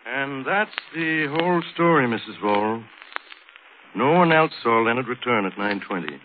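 An actor playing a steady, fatherly defence attorney, calm and questioning, in 1940s radio drama style. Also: mid-range voice, normal speed, lightly acted. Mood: calm, probing. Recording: tinny, noisy old radio.

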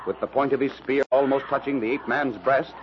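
A man's voice: medium pitch, steady tone, a little fast. Dramatic male narrator, muffled old recording. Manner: dramatic, formal. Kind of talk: 1930s radio scripted narration. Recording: dull, noisy old radio recording.

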